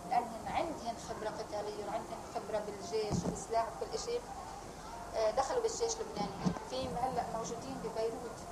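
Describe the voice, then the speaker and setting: An older woman from Palestine recounting family memories in a rambling, animated interview. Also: medium pitch. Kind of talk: oral history recollection. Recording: roomy, loud vehicle noise.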